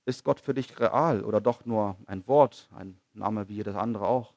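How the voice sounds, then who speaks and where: An earnest man delivers a sermon in a fairly low voice, building his points with rhetorical questions and repeated phrases. He slows down to stress key lines. The recording is close and dry, with a slightly dull, muffled tone. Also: vocal fry, darkish tone, dry recording. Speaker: preacher.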